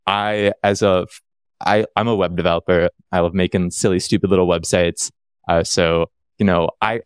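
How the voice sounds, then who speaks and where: A man's voice: low-pitched, clear, resonant tone, no echo, clean studio sound. A man from Canada chatting as a podcast guest, rambling and joking at his own expense. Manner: rambling, self-deprecating, jokey. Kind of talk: casual chat.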